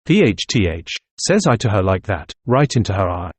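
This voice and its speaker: A man reading the part of a stubborn middle-aged nationalist telling a wry tale at dinner, in a low voice. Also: animated, brisk, slightly rough, no room sound.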